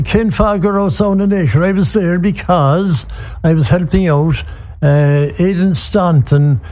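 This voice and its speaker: A man's voice: a little high, dark tone. A man with an Irish accent from Cork, hosting a radio show in a rambling, hesitant, conversational way. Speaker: community radio host. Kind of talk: casual radio chat mixing English and Irish.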